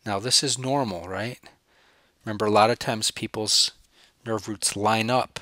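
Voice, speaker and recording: Here a sniffling, cold-stricken professor walks through spine cases in a recorded slide lecture, raising questions and answering them on his own. He speaks on the low side, a little slowly and fairly evenly, with a sharp tone and no echo.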